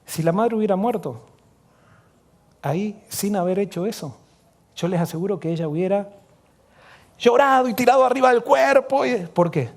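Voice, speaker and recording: High-voiced Rioplatense pastor preaching softly. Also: male voice, normal speed, gravelly, pauses often. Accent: Rioplatense Spanish. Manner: earnest, drops to soft hushed tones when quoting. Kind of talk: sermon storytelling.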